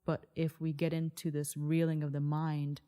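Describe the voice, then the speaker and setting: A woman's voice: low voice, completely flat delivery, moderate pace, mellow, smooth. A woman co-hosting a wellness podcast, explaining things earnestly in a conversational style. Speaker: podcast co-host.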